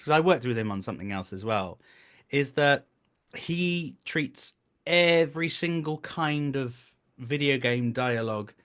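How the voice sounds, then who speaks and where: A man in his thirties with a mid-range voice is an interview guest who works as a voice and performance director. He chats casually, telling anecdotes in an animated, jokey way and poking fun at himself.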